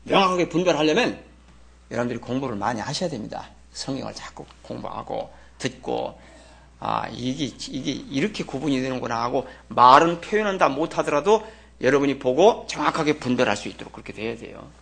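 A man's voice: mid-range voice, animated, brisk, vocal fry. A man preaching a sermon, leading the congregation in reading along, asking rhetorical questions and pressing hard on key words. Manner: emphatic, rising to loud stress; has the congregation read along. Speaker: pastor.

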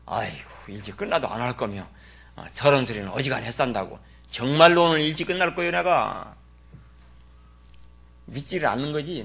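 A pastor preaches a folksy, teasing sermon, swinging between loud exclamations and muttered asides. His voice is medium-pitched, gravelly, and slightly rough.

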